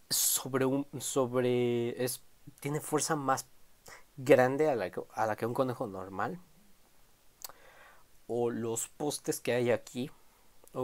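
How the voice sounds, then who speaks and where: A man casually reviewing a manga chapter, rambling, stammering and correcting himself. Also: lowish voice.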